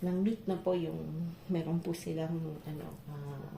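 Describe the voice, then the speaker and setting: A woman from the Philippines chats and laughs through stories while cooking for her vlog at home. She has a deep voice with vocal fry, fairly even intonation, and a measured pace. There is slight background noise, yet the kitchen is echoey with loud clatter.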